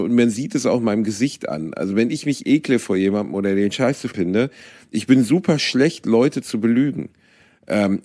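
A man's voice: on the low side, darkish tone, dry recording, studio quality. A man co-hosting a comedy podcast who tells stories animatedly and acts out both sides of a quarrel. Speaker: podcast co-host. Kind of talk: casual comedy chat, storytelling.

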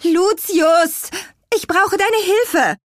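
A woman's voice: fairly high pitch, very animated, normal speed, husky, no echo, studio quality, pitched above the performer's own voice. A woman voicing a small, cheerful young apple witch girl in a children's audiobook. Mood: calling out.

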